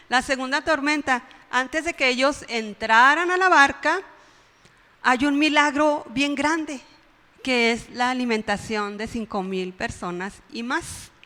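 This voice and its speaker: A woman's voice: sits high, takes it slowly, pushed and bright, in a large hall. A woman preaching a conversational sermon, often tossing in "¿verdad?" and laughing at her own retellings. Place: church hall.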